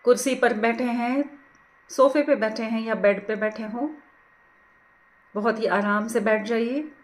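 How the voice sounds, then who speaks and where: A middle-aged woman talks listeners through a guided meditation. Her voice sits slightly high, and she moves at a very slow, calming pace. She gives gentle instructions and mixes English words into her speech.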